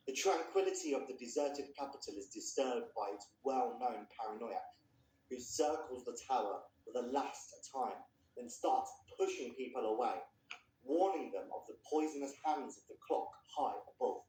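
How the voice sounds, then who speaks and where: A man with a medium-pitched, darkish voice introduces and reads literary fiction aloud as a storyteller. The microphone is distant and the room echoes.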